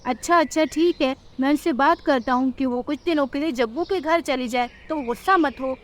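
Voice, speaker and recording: A woman's voice: high-pitched, moderate pace, lightly acted. A woman voicing a meek young male crow who placates his wife in a cartoon. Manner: soothing, eager to please.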